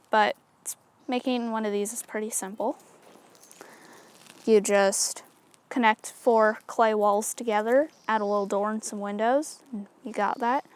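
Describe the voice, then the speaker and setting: Chatty woman with a slightly high voice. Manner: chatty and easygoing, with many fillers like "so" and "like". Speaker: craft tutorial host. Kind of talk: casual step-by-step craft demonstration.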